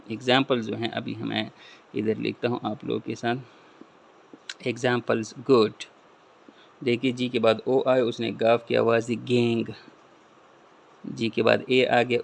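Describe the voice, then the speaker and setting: Guy explaining phonics rules like a classroom lesson, kinda gravelly, pretty flat tone, repeats every example. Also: medium pitch. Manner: repeats example words and asks questions he answers himself. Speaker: English phonics teacher.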